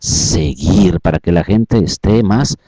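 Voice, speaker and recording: A man's voice: sits low, takes it slowly, no echo, poor audio. A man giving an instructional talk on public speaking, repeating points and asking rhetorical questions. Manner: repetitive, rhetorical questions, varies loudness often.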